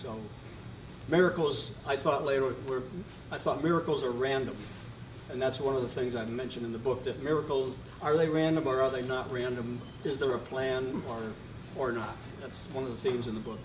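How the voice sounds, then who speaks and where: A man, an author, reading his memoir aloud on stage in a measured, reflective storytelling manner. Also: medium pitch, fairly even intonation. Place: stage in a hall. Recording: echoey hall from a distance, faint noise.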